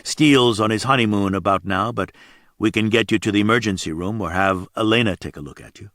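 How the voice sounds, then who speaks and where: A hard male biker with a blunt, cold delivery, as the narrator voices him. The low voice stays close and dry. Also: brisk, a bit bright, no echo, close to an everyday voice. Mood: gruff.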